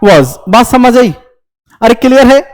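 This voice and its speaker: A young man teaching English grammar in Hindi, lecturing to students and firing quick questions he answers himself. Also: extremely high pitch. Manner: lively, repeats checks like "understood?". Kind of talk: classroom lecture.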